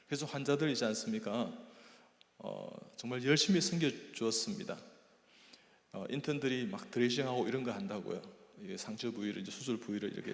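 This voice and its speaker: A man's voice: fairly low pitch, creaky. An older man, a church elder, telling a personal testimony as a sermon and acting out the dialogue in his stories. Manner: storytelling, acting out quoted dialogue, breaks into hymn singing. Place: church sanctuary. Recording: echoey church hall.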